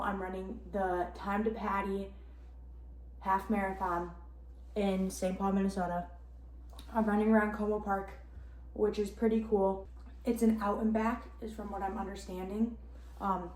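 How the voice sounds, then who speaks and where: A woman's voice: mid-range voice, a little mellow. Chatty young woman in an echoey room. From Upper Midwest. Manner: chatty, rambling, upbeat; chewing gum while talking. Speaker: running vlogger. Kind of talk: casual vlog chat.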